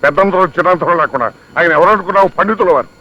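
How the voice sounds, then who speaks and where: A man's voice: sits high, racing, highs cut off. An actor playing a stern older man who scolds bossily in a film comedy. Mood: scolding. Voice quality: bossy, scolding.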